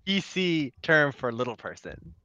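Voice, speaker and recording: A man's voice: fairly high pitch, big pitch swings, measured pace, bright, forceful tone. Dry-humored man on a dull mic. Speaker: player. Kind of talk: casual tabletop game play.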